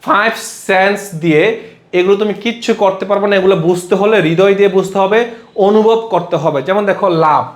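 A man's voice: high-pitched, fast. A man teaching an exam-prep grammar lesson who asks his students questions and then answers them himself, going over each rule again. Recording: echoey room.

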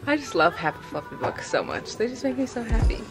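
A young woman chats and giggles her way through a casual shopping vlog, her pitch bouncing up and down with lively swings. She talks freely, recorded in a bookstore. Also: fast, over loud music. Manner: giggly and chatty. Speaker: vlog host. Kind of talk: casual chat while book shopping.

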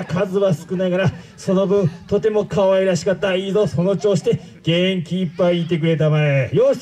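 An actor playing a pompous male android villain, speaking grandly to a live show crowd and shouting his calls. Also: sits high, low-quality recording. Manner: grandiose commanding speech, loud shouted calls. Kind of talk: live character-show acting.

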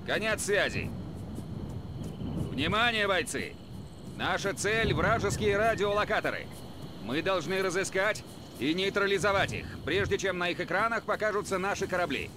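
An actor playing an alert special forces squad leader in a military game, giving clipped orders. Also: male voice, sits high, very animated, moderate pace. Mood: brisk, formal. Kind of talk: dubbed military game radio dialogue. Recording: noisy outdoor vehicle background.

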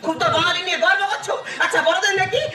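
A woman playing an exasperated village wife in a broad stage comedy, scolding in a shrill, melodramatic way. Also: fairly even intonation, rapid-fire. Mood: nagging. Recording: echoey stage PA, distant, loud music.

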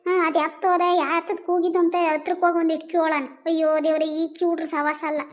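A very high-pitched woman plays a village daughter-in-law in a comedy sketch. She talks in an exclaiming, grumbling way. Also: level tone, quick pace. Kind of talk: rural comedy sketch dialogue.

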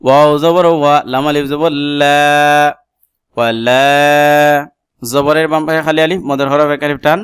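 A man's voice: on the high side, flat delivery, fairly quick, clear, resonant tone, dry recording, clean studio sound. A man who speaks Bengali as his first language and teaches Quran reading, spelling out letters and vowel marks and then explaining each tajweed rule. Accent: Bangladeshi. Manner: chants the Arabic verse in a melodic recitation. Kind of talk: spelled-out Quran recitation lesson.

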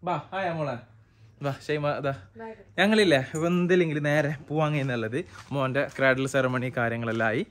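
A man hosts a casual family vlog at home and in the family car, chatty and often breaking off to call to his children. His voice is fairly high with fairly even intonation, and his pace is brisk.

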